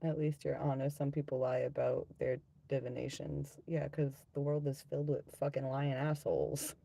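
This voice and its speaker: Gravelly, mellow man chatting on a live stream. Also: mid-range voice, little pitch movement, normal speed. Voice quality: gravelly, smoker-like. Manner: blunt, swears freely. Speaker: live stream host and tarot reader. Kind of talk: casual live stream chat with viewers.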